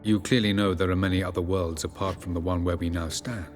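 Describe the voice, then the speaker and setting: An actor playing a cool, condescending elven sage. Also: male voice, low-pitched, steady tone, natural voice. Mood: cool formal. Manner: measured, formal, faintly sardonic. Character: aloof ancient elven sage, dry and condescending. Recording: game audio with music behind.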